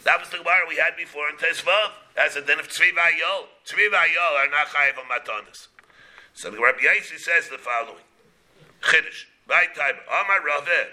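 A man with a very bright, forceful, somewhat high voice gives a Talmud lesson. He works through the text in short phrases, repeats them, and asks questions that he then answers himself. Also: normal speed, slight background noise, poor audio. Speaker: rabbi teaching a class. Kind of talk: Talmud lesson, reading and explaining.

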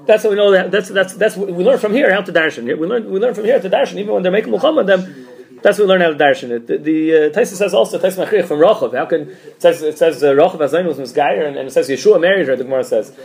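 A man's voice: high-pitched, creaky. A man giving an informal religious text class, thinking aloud and often repeating and restarting his phrases. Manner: halting, repeats and restarts phrases mid-thought. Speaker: teacher giving a Talmud class.

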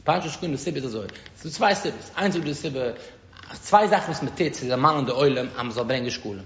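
A man with a Yiddish accent teaching a Talmud lesson as a rabbi, halting and often repeating words as he explains. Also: medium pitch, expressive, fairly bright tone. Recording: dull echoey room recording with faint noise.

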